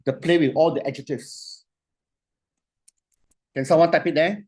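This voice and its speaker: A male lecturer in full classroom flow. He talks in an animated, repetitive way and keeps asking whether the students follow. He stretches key phrases out slowly for them to write down. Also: on the high side, slightly rough. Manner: animated, repetitive, asks "you see?" often; slows way down to dictate phrases.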